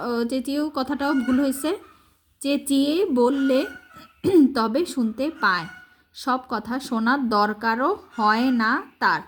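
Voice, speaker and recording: A woman's voice: high-pitched, slight background noise. A woman teacher, reading a story aloud and patiently spelling out each word letter by letter for her pupils. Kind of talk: slow reading lesson, spelling out words.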